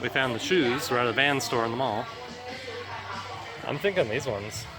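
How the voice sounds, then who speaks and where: At a moderate pace, an expressive man with a medium-pitched voice chats casually as he vlogs through shops and a mall, music playing in the background. As a video game collecting vlogger, he often checks in with a companion, and the on-location recording is noisy with traffic and ambience.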